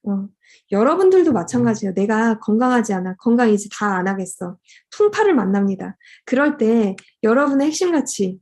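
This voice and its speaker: A woman's voice: fairly high pitch, warm tone. A middle-aged woman giving a motivational lecture, earnest and explaining step by step, sometimes acting out quoted prayers.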